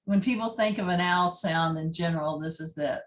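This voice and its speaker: A woman's voice: fairly low pitch, normal speed, rough recording. A woman giving a casual library presentation, chatty and enthusiastic, apologizing for small slips as she goes. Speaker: library talk presenter on owls. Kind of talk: casual presentation playing recordings.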